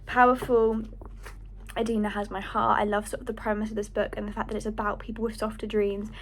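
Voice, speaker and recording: A woman's voice: medium pitch, little pitch movement, brisk, a little hiss or hum. A young woman vlogging casually about books, chatty and emotional, sometimes whispering from her bedroom. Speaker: book vlogger. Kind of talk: casual reading vlog. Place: bedroom at night.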